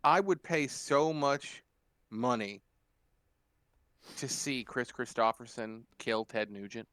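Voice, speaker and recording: A podcast co-host telling a story in casual chat, animated and profane, acting out the quotes in loud bursts. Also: male voice, medium pitch, takes it slowly, clean tone.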